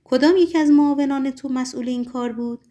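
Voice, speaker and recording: A brooding middle-aged Roman governor, weary and commanding, asking his questions in a measured audiobook reading, as a woman reader gives his lines. The voice sits rather high. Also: warm tone, natural voice.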